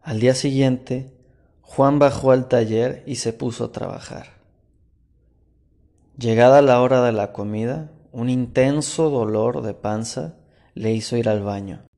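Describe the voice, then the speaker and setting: A man narrating a story in a calm, measured way. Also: medium pitch. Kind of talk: scripted narration.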